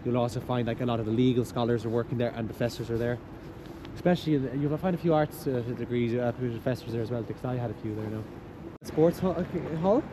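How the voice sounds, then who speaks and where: Recorded outdoors over clear traffic and street noise, a young man leads an informal walking tour. His voice sits at an average pitch. He explains things in a chatty, enthusiastic, loosely phrased way, like a student guide. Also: quick pace. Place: outdoors, walking around a campus. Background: clear urban ambience and traffic noise.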